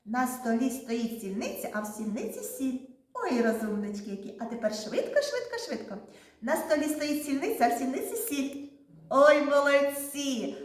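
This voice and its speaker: Woman, kindergarten teacher, sing-song, lively pitch, praising, very echoey room. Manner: sing-song, praising, slow drawn-out words for children. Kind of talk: literacy lesson for young children.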